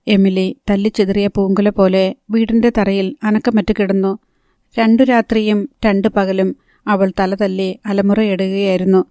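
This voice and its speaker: A woman narrating a novel as an audiobook, in a steady, even storytelling read. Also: mid-range voice, no echo, clean studio sound.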